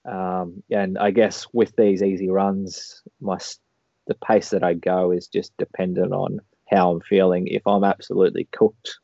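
A very deep-voiced man chats casually in a rambling, laid-back way. His tone is gravelly and fairly flat. The audio is a dull, lo-fi call. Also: a little slow, no room sound. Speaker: podcast guest, marathon runner. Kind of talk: casual interview chat.

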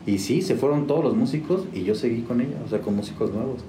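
In an echoey room with faint noise, a male musician guest spins casual, rambling stories full of restarts and fillers. He's a fast, expressive talker with a mid-range voice.

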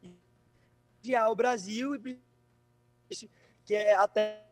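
A man's voice: high voice, drawn-out words, soft background music. Man from on breaking-up call audio. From Recife, Brazil. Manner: relaxed, rambling, repeats himself. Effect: video call audio breaking up and cutting out. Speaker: singer guest. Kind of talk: casual interview over a video call. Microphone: video call. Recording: reverberant, distant video call audio.

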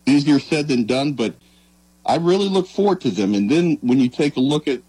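A man talking casually on a sports show in an earnest, halting, reflective way. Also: on the high side, lively intonation, mellow, husky, dry recording, low-quality recording.

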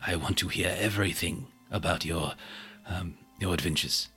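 Casting: grumpy, courteous old man played by a male game master, deep, very raspy, slow, for a tabletop game. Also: bright, forceful tone, soft background music, exaggerated voice. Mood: grave, measured. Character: curmudgeonly old man, courteous host, recuperation caretaker.

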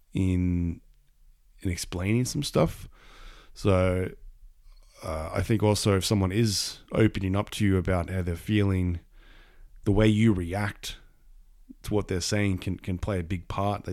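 A man hosting a solo podcast, his voice croaky from a cold with creaky starts, talking earnestly and haltingly. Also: low-pitched, darkish tone, dry recording, studio quality. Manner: halting, repeats words, earnest. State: croaky from being sick. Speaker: podcast host.

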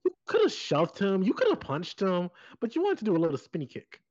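A podcast co-host giving animated, giggly opinions in casual chat. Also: mid-range voice, brisk. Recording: dull lo-fi podcast audio.

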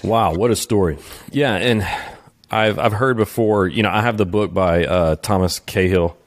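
Man, interview host, very deep voice, halting delivery, dry recording. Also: no room sound. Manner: halting, many restarts and fillers. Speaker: podcast host. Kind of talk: interview, casual chat.

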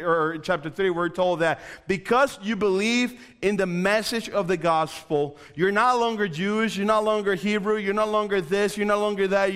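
A man's voice: sits high, fairly bright tone, clean tone. Earnest young man preaching in a hall. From Dominican Republic. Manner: earnest, repetitive emphasis, addresses the room directly. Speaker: youth pastor. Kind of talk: youth sermon.

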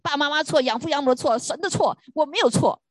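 A woman's voice: sits high, quick pace, dry recording. A woman preaching a sermon, telling a story with emphatic rhetorical questions.

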